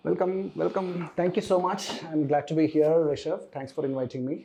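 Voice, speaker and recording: Middle-aged South Indian man, slightly high-pitched. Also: brisk, creaky, warm tone, a little hiss or hum. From Bangalore region, India. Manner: emphatic repetition, tags statements with "right?". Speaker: interview guest, startup founder. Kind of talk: conversational interview explanation.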